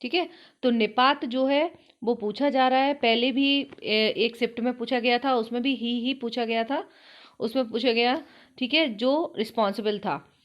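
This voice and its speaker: A woman's voice: a little high, measured pace, muffled recording. A woman teaching an online exam-prep lesson, working through questions and explaining them step by step with frequent check-ins. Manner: explanatory, repeats "ठीक है" often.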